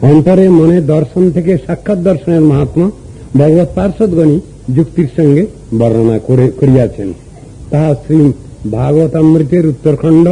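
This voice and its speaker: An older man from Bengal, a Vaishnava guru, giving a devotional sermon in a measured teaching manner, asking questions and reciting verses. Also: fairly high pitch, mellow, a little hiss or hum, rough recording.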